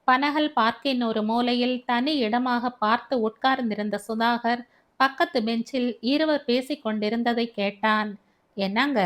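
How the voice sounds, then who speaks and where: A woman reading a family novel aloud as an audiobook narrator. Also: fairly high pitch.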